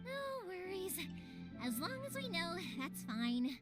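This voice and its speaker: A bubbly young woman who makes fireworks chats in a very high, bouncy voice. Game music plays clearly behind her. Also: sing-song, slow pace, full character voice. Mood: cheerful. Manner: bubbly, chatty. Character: upbeat young woman, fireworks maker, caring daughter.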